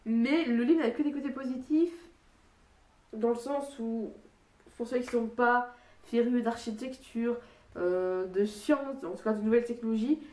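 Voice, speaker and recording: A woman's voice: a little high, measured pace, darkish tone. A young woman with a blocked, stuffy nose gives a casual book review, speaking nasally in a hesitant, rambling way and often rephrasing mid-sentence. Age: young adult. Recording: echoey room, distant microphone.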